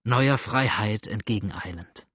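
Desperate fleeing judge, pleading and trembling, husky dry voice, read by a man. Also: lowish voice, unhurried, fairly bright tone, no room sound. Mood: urgent.

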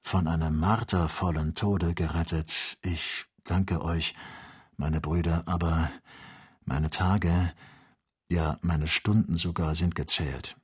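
A man voicing a weak, dying male missionary in an audiobook, speaking faintly and slowly with broken phrases. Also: deep voice, steady tone, breathy edge, pitched below the performer's own voice, exaggerated voice. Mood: weak, sorrowful. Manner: faint, slow, broken speech.

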